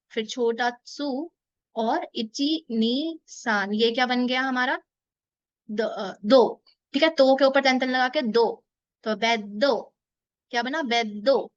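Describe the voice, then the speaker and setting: High-voiced woman teaching slowly. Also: no echo, dull audio. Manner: explains patiently, repeats words slowly and drawn out. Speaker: Japanese language teacher. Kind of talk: explaining a beginner lesson in Hindi-English mix.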